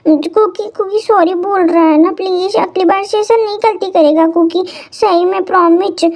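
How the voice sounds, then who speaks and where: A woman's voice: extremely high pitch, steady tone, normal speed, a little mellow. A woman voicing a whiny young man who begs and sulks in a tearful, insistent way in a hobby audio story. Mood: pleading.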